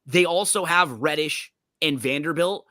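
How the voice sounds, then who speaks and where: A man hosting a podcast, chatting casually and quickly about basketball, often restarting his sentences. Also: on the high side, bright, forceful tone, no echo, clean studio sound. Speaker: podcast host. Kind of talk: casual sports chat.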